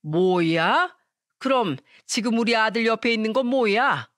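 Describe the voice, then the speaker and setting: A suspicious older mother-in-law barks accusations in a raised, scolding voice, as a woman puts her on. The voice is pitched up and pushed louder than the storyteller's own. It sounds like a story radio drama recorded close and dry. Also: normal speed, no echo, close to an everyday voice.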